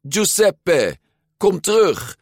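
Eager young sea-monster boy played by a male reader, high and lively, dry close sound. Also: dry recording, lightly acted. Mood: shouting. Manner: hurried, polite, shouting after runaway fish. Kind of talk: storybook reading.

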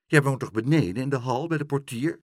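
A man voicing an earnest little boy who is quick to worry, in a children's storybook reading. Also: medium pitch, no echo, clean studio sound, close to an everyday voice. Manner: earnest, easily upset.

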